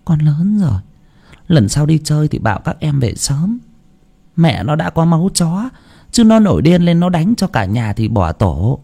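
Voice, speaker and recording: A man voicing a soft-hearted, fussing elderly grandmother in a storybook tale. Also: very animated, moderate pace, creaky, breathy edge, heavily acted. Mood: coaxing. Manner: scolding, coaxing, high-pitched.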